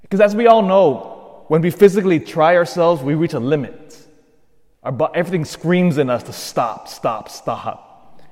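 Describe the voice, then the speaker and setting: A man's voice: a little high, normal speed, darkish tone. A man, a priest, reading the gospel and preaching with earnest, emphatic repetition, his voice ringing with a long cathedral-like church echo. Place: large church.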